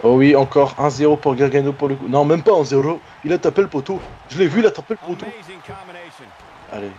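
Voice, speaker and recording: A man giving excited, casual commentary on a wrestling video game. He cheers on the wrestlers and repeats his exclamations. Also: a little high, fast, muffled recording.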